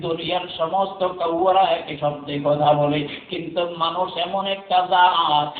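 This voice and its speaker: A man preaching an Islamic sermon, building rhythmic repeated refrains that rise into loud sing-song peaks. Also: a little high, fairly even intonation, moderate pace. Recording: echoey, phone-like tinny sound.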